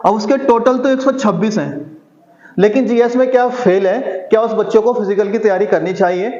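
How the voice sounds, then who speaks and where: Speaking a little fast in a high, darkish voice, a man teaches an exam-prep class. He asks and answers his own rhetorical questions and goes over key figures more than once, heard through a dull, lo-fi recording in an echoey room.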